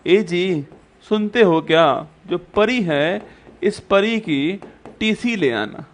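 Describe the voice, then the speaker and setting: Affectionate, coaxing wife, put on by a high-voiced male teacher. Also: animated, slow. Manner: affectionate, singsong repetition. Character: sweet-talking wife asking her husband a favor.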